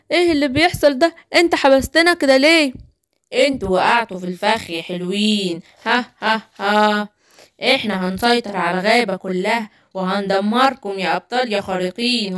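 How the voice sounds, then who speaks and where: A woman's voice: on the high side, fairly bright tone, close to an everyday voice. A woman with an Egyptian accent voicing a gloating, menacing beast villain in a children's story. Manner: gloating, threatening.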